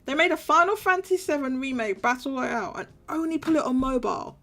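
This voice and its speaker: A woman co-hosts a gaming podcast in casual chat, her voice high, expressive, quick and sharp. When she gets worked up, she repeats herself emphatically.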